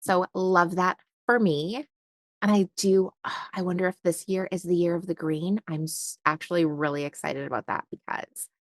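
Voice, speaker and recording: A woman's voice: low voice, no room sound. A young woman chatting casually while unboxing stationery and thinking aloud with lots of fillers. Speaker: stationery vlogger.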